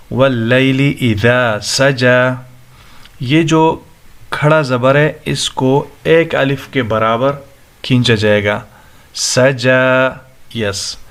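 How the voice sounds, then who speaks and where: A man teaching Quran recitation, reciting verses in a slow, drawn-out melody and then explaining the rules in quick conversational speech. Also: medium pitch. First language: Urdu. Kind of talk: Quran recitation and tajweed lesson.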